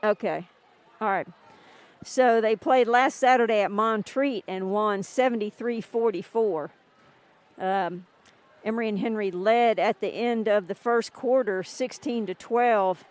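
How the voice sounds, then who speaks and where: A woman's voice: medium pitch, a little slow. A woman radio sports announcer filling air time during a game delay, chatting and rattling off scores and player stats.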